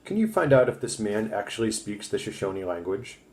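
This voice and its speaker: A man's voice: lowish voice, big pitch swings, brisk, a little mellow. A man reading aloud and voicing an irritated army captain who speaks in short, clipped, cold sentences. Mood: curt. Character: stiff, irritated male army captain, terse.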